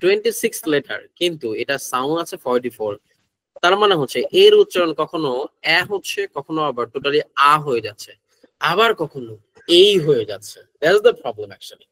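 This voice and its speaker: A man's voice: a little high, lively intonation, moderate pace, a bit bright, no echo, rough recording. A man with a Bangladeshi accent, teaching an English pronunciation class who mixes Bengali with English phrases and keeps asking his students questions. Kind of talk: online class lecture.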